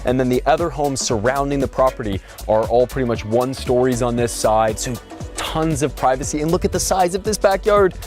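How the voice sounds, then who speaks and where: Standing outdoors at a house, a real estate agent with a slightly hoarse, darkish voice talks quickly and energetically. He moves between casual explanation and an upbeat sales pitch while soft music plays in the background.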